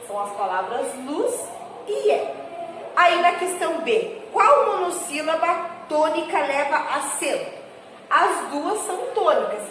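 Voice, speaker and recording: A high-pitched woman with a Brazilian Portuguese accent gives a lesson to young pupils. She reads sentences slowly, leaning hard on each word. The recording has a roomy echo, a long reverb tail and faint ambience behind her. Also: fairly bright tone, a little hiss or hum. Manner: slow, stressed words when reading sentences aloud. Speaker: teacher. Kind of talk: recorded class lesson for children. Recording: echoey room with faint ambience.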